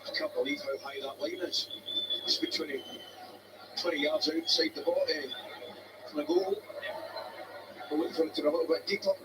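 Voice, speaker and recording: A man giving measured, analytical live football commentary, heard through noisy broadcast audio. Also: a little high, big pitch swings.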